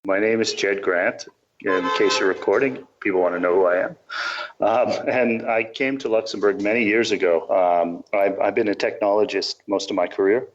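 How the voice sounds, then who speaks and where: Low-voiced man on an echoey call. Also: fairly even intonation, normal speed, noisy background. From California. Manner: hesitant with many ums and restarts. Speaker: guest. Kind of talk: remote interview over a call. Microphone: call microphone. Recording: echoey, dull call audio.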